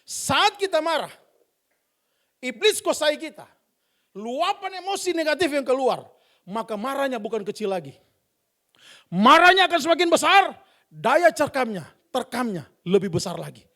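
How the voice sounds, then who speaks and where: A male pastor preaches to his congregation in a high voice. He stays playful and animated, and his pitch swings widely from line to line. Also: a little slow, long pauses. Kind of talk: sermon. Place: church.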